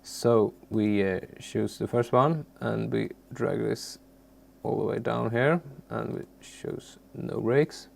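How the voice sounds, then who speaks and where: In an unscripted software tutorial, a man for whom English is a second language speaks hesitantly, often groping for words. His pitch is medium and his voice carries vocal fry.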